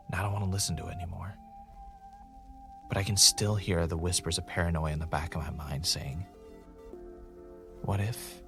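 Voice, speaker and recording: In an audio drama, a man in a natural voice plays a brooding, low-voiced, paranoid podcaster searching for answers. Acting as both podcast host character and narrator, he delivers monologue and dialogue.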